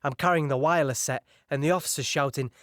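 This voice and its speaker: An actor playing a young British signaller recounting a beach landing in an audio drama, halting and shaken. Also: male voice, on the high side, fairly bright tone, dry recording, clean studio sound, close to an everyday voice. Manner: halting, shaken, recalling horror in present tense.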